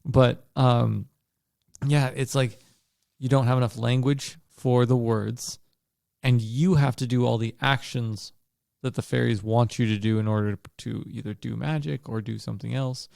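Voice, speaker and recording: A man's voice: medium pitch, steady tone, a little slow, gravelly, a little mellow, dry recording, studio quality. A man co-hosting a book podcast, talking things through in a loose, thoughtful way with fillers and restarts. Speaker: podcast co-host. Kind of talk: casual book discussion.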